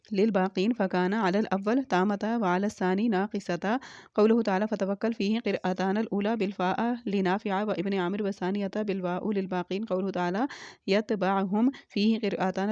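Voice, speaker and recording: A woman's voice: mid-range voice, no echo. Woman steadily a commentary. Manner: steady, methodical recitation of variant readings. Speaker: reader of a Quran commentary. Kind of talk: reading aloud a scholarly text on Quran readings. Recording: dry, slightly dull home recording.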